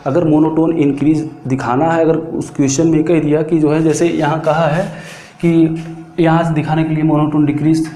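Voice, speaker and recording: A man teaching a math lesson, explaining step by step and answering his own questions as he goes. He slows right down when he dictates formulas. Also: fairly high pitch, level tone, dark tone. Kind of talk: classroom lecture. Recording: echoey room, faint background noise.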